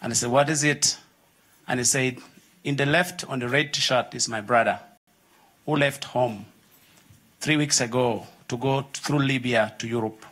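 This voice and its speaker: A man's voice: mid-range voice, steady tone, measured pace, long pauses, a bit bright. Young guy in a conference audience, earnest, telling his story, voices the people in it. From Uganda. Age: young adult. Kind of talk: personal storytelling at a panel.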